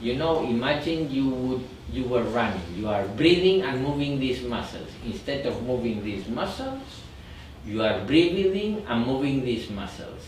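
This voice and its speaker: Man, meditation teacher, slow and halting, echoey room, distant mic. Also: mid-range voice, animated, darkish tone, a little hiss or hum. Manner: slow, repetitive, searching for words. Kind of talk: guided meditation instruction.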